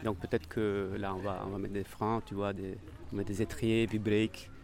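A man's voice: on the low side, level tone, normal speed, creaky, a little mellow. A man speaking informally as a workshop organiser, explaining things step by step with some hesitation. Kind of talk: casual spoken explanation. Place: outdoors in town.

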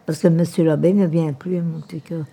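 A woman's voice: low-pitched, fairly even intonation, brisk, a little hiss or hum. An elderly woman in a nursing home room chatting tenderly with a visitor, rambling and humming old songs. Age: older. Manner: calls the listener "my little heart" constantly, rambling and tender; hums and half-sings old songs softly. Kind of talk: casual chat with a visitor.

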